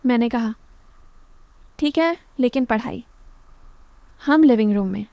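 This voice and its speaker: A woman narrating a first-person story in short, clipped sentences with a plain, even delivery. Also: on the high side, a little slow, dry recording.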